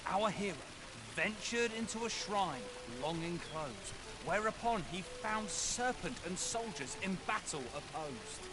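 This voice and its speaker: A theatrical street bard from a fantasy video game. His voice sits fairly high for a male, and he declaims in grand, old-fashioned phrases, like a showman telling tales for coin. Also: animated, a little slow, hardly any pauses. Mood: dramatic. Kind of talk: scripted rhyming storytelling, video game acting.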